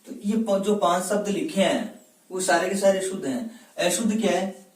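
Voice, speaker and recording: A man with a somewhat high voice teaches a grammar class for exam students. He asks questions, answers them himself and drills words by repeating them. He sounds distant from the mic, in a room with a lot of echo. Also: normal speed. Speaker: Hindi teacher. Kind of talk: exam-prep grammar lesson.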